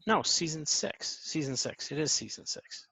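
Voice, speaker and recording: A man talking casually with friends over a video call. His voice is bright and forceful, with a dry, close sound and no room around it. He chats at length and slips into squeaky joke voices. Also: animated, normal speed, creaky, slightly rough, no echo. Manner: chatty, jumps into squeaky comic impressions. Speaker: podcast co-host.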